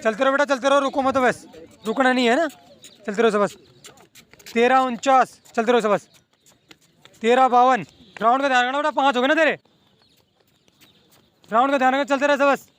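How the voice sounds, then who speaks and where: A man's voice: very high-pitched, fairly even intonation, fairly quick, long pauses. A man coaching runners outdoors, calling out lap times and repeatedly urging them to keep going. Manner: repetitive, encouraging shouts. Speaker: running coach. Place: outdoor running ground.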